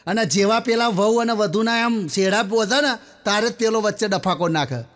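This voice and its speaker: A man's voice: high-pitched, moderate pace, a bit bright. A man doing a stand-up comedy set, chatting with the audience and telling joke stories, acting out the characters. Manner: chatty, addresses the audience as sir, acts out characters. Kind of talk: stand-up jokes and storytelling.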